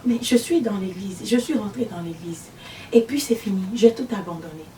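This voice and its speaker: A woman preaching a testimony sermon as a visionary, telling her story in an emphatic, animated way. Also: mid-range voice, normal speed, slight background noise. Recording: roomy, mic far away.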